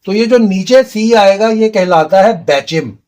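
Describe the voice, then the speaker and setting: A man's voice: sits high, a little slow, a little mellow. A man teaching a beginner language lesson, patiently repeating each sound step by step. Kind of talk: slow explanatory lesson.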